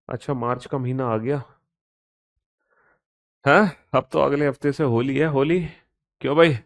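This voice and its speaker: Playful Indian teacher live-streaming a class. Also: male voice, mid-range voice. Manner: chatty, playful, Hinglish teacher banter. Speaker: online reasoning teacher. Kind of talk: live online class lecture.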